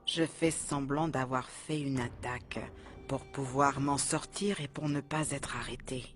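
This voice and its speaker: A performer voicing a scheming sister who fakes her death, speaking in a hushed, conspiratorial way in a dubbed cartoon. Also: mid-range voice, fairly even intonation, unhurried, faint music behind, close to an everyday voice.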